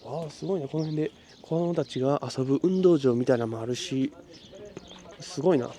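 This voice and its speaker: A Japanese travel vlogger narrates a handheld vlog outdoors at a migrant shelter by railway tracks, chatting upbeat with people in simple Spanish and English. His mid-range voice is dark in tone and fast. A little hiss or hum is audible.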